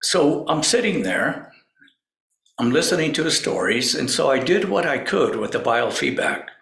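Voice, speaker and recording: Male speaker, slow halting storyteller, gravelly voice, roomy echo. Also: mid-range voice, very animated, a bit bright. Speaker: spiritual speaker. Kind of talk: storytelling talk.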